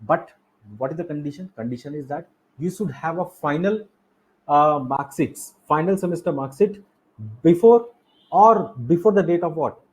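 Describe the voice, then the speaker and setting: In a slightly high, somewhat mellow and husky voice at normal speed, a man with an Indian accent lectures over slides as a coaching instructor. He keeps repeating key ideas and asking rhetorical questions, on a rough recording.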